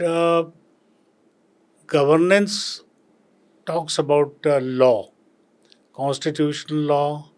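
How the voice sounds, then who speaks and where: An older Punjabi man with an Indian accent and a slightly high voice, a retired civil servant, answers interview questions. He speaks slowly and reflectively, with many pauses and fillers.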